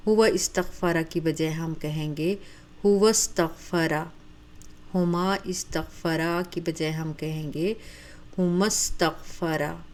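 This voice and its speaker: Woman grammar teacher, Urdu accent, slightly low voice, patient drill delivery, faint hiss behind. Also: darkish tone, rough recording. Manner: drills word forms slowly and clearly; mixes English terms into her explanations. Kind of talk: online grammar lesson.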